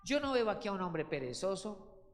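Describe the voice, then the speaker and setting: A man's voice: high voice, very animated, moderate pace, in a large hall. A male pastor, preaching a sermon with emphatic swings of voice and calling listeners brothers. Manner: emphatic preaching, voice rising and falling widely.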